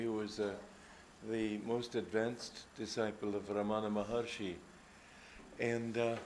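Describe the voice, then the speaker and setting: A man's voice: mid-range voice, slight background noise. An older man, a spiritual teacher, giving an informal, reflective talk with anecdotes and frequent hesitations. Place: gathering hall.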